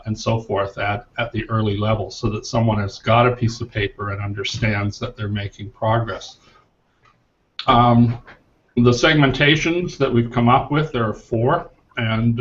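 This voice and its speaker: Steady man reporting on a call. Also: mid-range voice. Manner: steady, explanatory, organised. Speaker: working group lead. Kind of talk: giving a meeting report. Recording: muffled lo-fi call audio.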